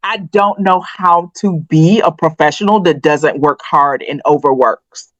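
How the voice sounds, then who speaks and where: A woman's voice: low voice, a little slow, dry recording. A middle-aged woman co-hosting a podcast, chatting candidly and personally, thinking aloud with restarts. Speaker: podcast co-host. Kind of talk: candid conversational chat. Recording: dry, slightly dull podcast audio.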